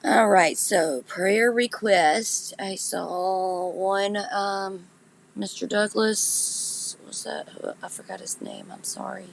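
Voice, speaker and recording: Live on her podcast, a woman host chats casually and directly with her listeners, relaxed and laughing at herself. Her medium-pitched voice is raspy, gritty, and nasal from congestion, and she takes it slowly. The audio is poor, with a little hiss or hum.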